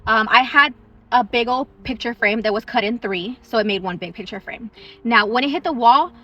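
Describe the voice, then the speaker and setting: A young woman in a parked car telling a true story in a chatty, animated way, eating on her lunch break. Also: fairly high pitch, moderate pace, highs cut off. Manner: chatty and animated, eating while she talks. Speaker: social media storyteller.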